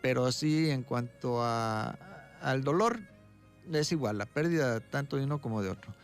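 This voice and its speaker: Brief: male doctor, interview guest, gravelly mid-pitched voice, patient explanatory delivery. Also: normal speed, faint music behind. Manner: calm, explaining, tags points with "¿sí?".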